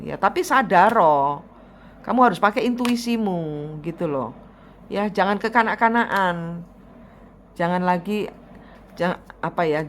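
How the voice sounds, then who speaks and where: Woman tarot reader, lower voice, blunt emphatic advice, faint background noise. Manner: blunt, emphatic advice with repeated "gitu loh", drops into Javanese phrases. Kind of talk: personal tarot reading, advising a client.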